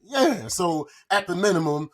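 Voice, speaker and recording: Against a crowd in the background, a man with a high, animated voice speaks unhurriedly. The podcast guest, in his forties, chats casually and recounts personal anecdotes with profane slang and frequent repetition.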